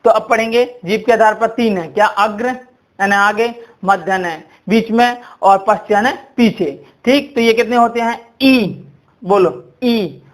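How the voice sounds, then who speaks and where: A man's voice: sits high, steady tone, normal speed. A man teaching a grammar lesson, quizzing his listeners and repeating key points with "ठीक है". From India. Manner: repetitive, quizzing with "ठीक है" and "कितने होते हैं?".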